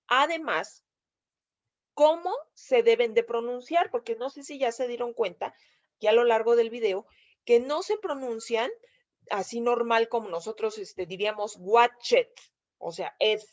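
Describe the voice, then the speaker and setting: In this grammar video lesson, a Mexican woman who teaches English walks through the rules one at a time, pausing frequently with "¿sí?" to make sure her listeners are following. Her voice is on the high side and slightly raised, with a Mexican Spanish accent, and the recording is a bit dull and lo-fi.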